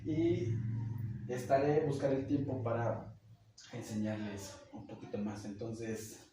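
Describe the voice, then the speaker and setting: A young man with a Mexican Spanish accent, a native Nahuatl speaker, giving a casual language lesson and slowly repeating words for learners. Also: mid-range voice, mellow, slight background noise. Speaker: language teacher. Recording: echoey room, heard from a distance.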